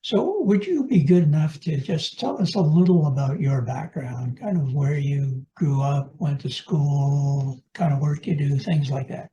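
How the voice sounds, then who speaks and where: A man hosting an interview, welcoming his guest and asking polite, measured questions with a few fillers. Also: fairly high pitch, warm tone, dull audio. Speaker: interview host.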